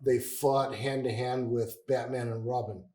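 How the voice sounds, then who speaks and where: A man's voice: medium pitch, level tone, a little slow, darkish tone, recorded from a distance. A man in his sixties from Canada, co-hosting a casual chat and eagerly adding details. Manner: chatty, knowledgeable, eager to add details. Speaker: podcast co-host. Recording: echoey room.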